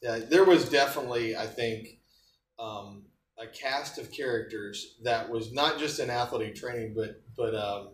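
A man's voice: mid-range voice, normal speed. Distant, echoey male interviewer. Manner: brief affirmations, relaxed follow-ups. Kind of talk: casual interview.

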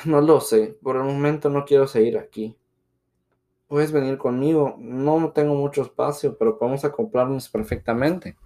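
A young working woman, wounded and close to tears, as a male storyteller reads her part. Her words come out aggrieved and strained, in a plain mid-pitched voice. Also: moderate pace, dark tone, lightly acted. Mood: tense. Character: young woman, frustrated office worker.

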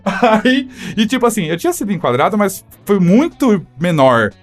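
A man's voice: high-pitched, big pitch swings, moderate pace, faint music behind. A Brazilian man telling a story in a casual chat among friends, acting out the voices and laughing often. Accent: Brazilian Portuguese. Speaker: podcast guest telling a story.

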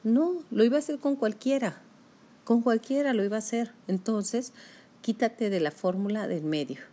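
A woman's voice: a little high, moderate pace, dark tone. A woman giving a motivational self-help talk, speaking directly to the listener in a coaching manner.

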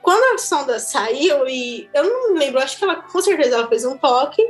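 A woman with a Brazilian Portuguese accent, chatting casually as she tells her own birth story, animated and quick to laugh. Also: high voice. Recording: echoey room with faint music.

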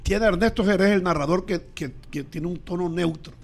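A man's voice: high-pitched, brisk, gravelly. A man with a Colombian Caribbean coast accent, co-hosting a casual sports chat and rambling on with frequent laughs. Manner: animated, rambling, laughs often.

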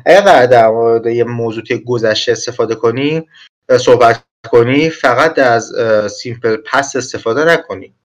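A man teaching an exam-prep lesson in a relaxed, conversational way, pausing with fillers and correcting himself mid-sentence. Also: mid-range voice. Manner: casual, with frequent filler "uh" and self-corrections. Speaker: IELTS teacher. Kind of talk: explanatory lesson.

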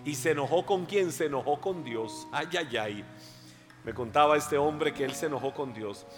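A man with a Costa Rican accent, a pastor preaching a slow, emphatic sermon that swells loud and high. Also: long reverb tail. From Costa Rica. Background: soft instrumental music.

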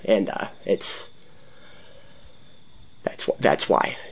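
A young man putting on a gravelly, seething evil-twin voice, delivered deadpan on a podcast. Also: low-pitched, full character voice. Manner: deadpan, slow menacing delivery. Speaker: podcast co-host.

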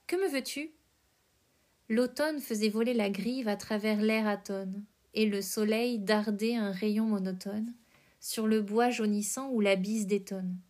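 Female podcast host, mid-pitched, slow and deliberate poetry reading. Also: darkish tone. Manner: slow, measured recitation with careful phrasing.

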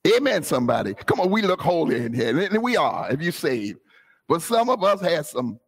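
A woman preaching a sermon, calling out to the congregation and bursting into shouts. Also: sits low, sing-song, normal speed, gravelly, husky.

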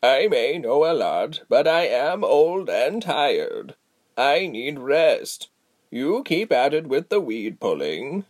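Male narrator as an old female healer, slow, calm, firm. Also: mid-range voice, voice pushed up. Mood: weary. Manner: slow, calm, measured, stern. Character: old, tired, wise female healer with a walking stick. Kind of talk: audiobook character voice.

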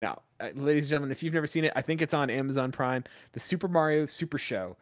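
A man co-hosting a podcast over a remote call, chatting casually in a rambling, animated way with many fillers. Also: a little high, fast. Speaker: podcast co-host. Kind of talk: casual chat.

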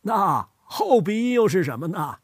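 An older man from Hubei explains dialects to a child as a grandfather in a scripted lesson. His voice is husky and sits high. He swings up and down in pitch with great animation. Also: moderate pace, no room sound, clean studio sound. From Hubei, China. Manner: animated storytelling, chuckles often. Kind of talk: scripted educational dialogue.

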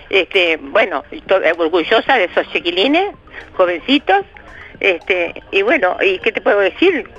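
An older woman with a Uruguayan accent calling in to a radio show, chatty and excited, laughing often and filling pauses. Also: mid-range voice, dull audio. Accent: Uruguayan Spanish. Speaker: radio caller. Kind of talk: casual phone chat.

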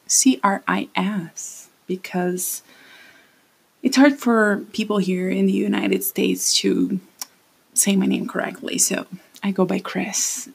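With a creaky, slightly rough voice of medium pitch, a Brazilian woman in her late twenties rambles self-consciously through a solo podcast episode. She has a Brazilian Portuguese accent and stands at a microphone at home, keeping things casual.

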